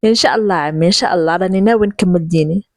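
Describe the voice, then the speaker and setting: A woman with a Moroccan accent voicing a young man who answers calmly and provokes on purpose. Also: medium pitch, fairly quick, dry recording, studio quality, lightly acted. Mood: sly.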